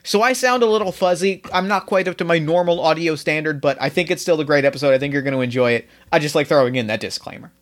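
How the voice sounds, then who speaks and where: A man's voice: a little high, quick pace, hardly any pauses. A man hosting a podcast, talking in an enthusiastic, effusive and informal way as he introduces the show. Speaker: podcast host. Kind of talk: casual podcast introduction and interview.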